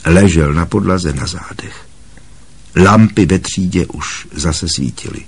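A man narrating a novel aloud as an audiobook in steady storytelling, with a husky voice. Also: sits low. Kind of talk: scripted narration.

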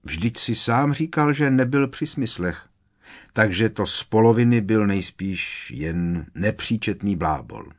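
A man's voice: on the low side, sing-song, breathy edge. A man reading aloud, voicing a worried teenage boy wizard who speaks urgently and with emphasis.

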